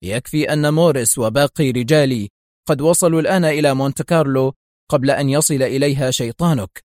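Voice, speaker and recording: A man's voice: medium pitch, fast talker, darkish tone, no room sound, studio quality, natural voice. A man voicing a smug, self-assured male gangster in an audiobook.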